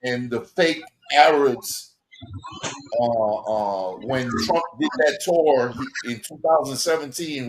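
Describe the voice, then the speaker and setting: A man's voice: medium pitch, slight background noise, rough recording. Rambling, emphatic man in casual chat.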